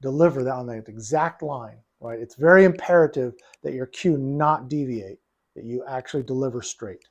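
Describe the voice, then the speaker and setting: A man's voice: mid-range voice, moderate pace. A man coaching a student at the pool table, patient and repeating his phrases as he explains. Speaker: billiards coach. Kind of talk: one-on-one coaching session.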